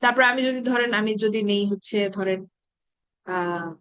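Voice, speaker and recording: A woman teaching an online grammar class, patiently checking that students follow and reciting verb patterns slowly. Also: mid-range voice, a bit bright, clear, resonant tone, no echo.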